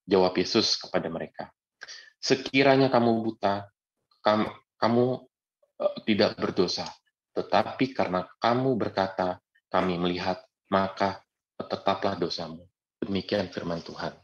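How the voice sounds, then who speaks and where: A man with a very low voice reads a passage aloud. He pauses on small fillers as he goes. The recording sounds dull and muffled. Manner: halting reading with fillers. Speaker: scripture reader. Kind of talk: reading scripture aloud.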